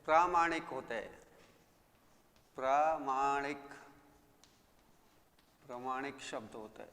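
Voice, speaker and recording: A male teacher giving a grammar lesson, who repeats each word slowly and asks his own questions and answers them. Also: a little high, steady tone, fairly bright tone, in a large hall.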